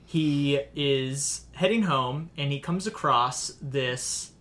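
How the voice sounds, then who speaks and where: A young man in a loose podcast chat, recapping a film scene by scene. His voice is bright and forward, and he drops into goofy voices now and then. He keeps the talk moving with a friendly, playful ease. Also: mid-range voice, takes it slowly. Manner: playful, breaks into silly character voices. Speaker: podcast co-host.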